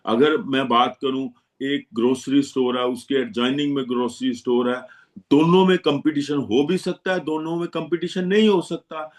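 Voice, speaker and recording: A man's voice: medium pitch, steady tone, moderate pace. A man speaking as a guest to financial advisors, giving a motivational talk in which he repeats his slogans to rally them. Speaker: guest speaker on insurance and investment.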